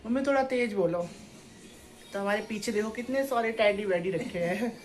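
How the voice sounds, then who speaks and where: A woman's voice: mid-range voice, moderate pace, low-quality recording. A young woman filming a casual home vlog, chatting and rambling straight to the camera on a clip-on mic indoors. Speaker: vlogger.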